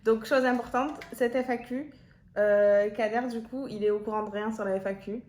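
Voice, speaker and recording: A slightly high, darkish voice with fairly even intonation comes from a woman in her 20s from Marseille, France, speaking at normal speed. As half of a couple channel, she hosts a Q&A vlog in a chatty, giggly, teasing way. The room echoes.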